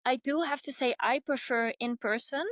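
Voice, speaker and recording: A woman's voice: high voice, steady tone, normal speed, fairly bright tone, dry recording, studio quality. A woman in her thirties from the Netherlands, a guest chatting casually with lots of fillers. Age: 30s. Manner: chatty, many fillers like um and yeah. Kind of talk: casual interview chat.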